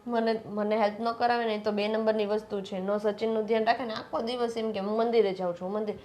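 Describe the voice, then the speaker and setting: Woman playing a fast-talking, aggrieved young wife. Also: medium pitch, steady tone, a little mellow, lightly acted. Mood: complaining. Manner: complaining, rapid-fire. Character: young wife complaining about her mother-in-law. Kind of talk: family drama acting.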